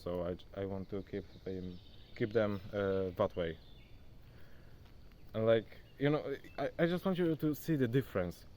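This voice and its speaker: Speaking at a fairly low pitch and normal speed, a young man with a mellow voice vlogs into his phone at a rural spot near a forest. He isn't a native English speaker and talks in a chatty, loose way, calling the viewer "bro." The audio carries a little hiss or hum over faint insect and nature sounds.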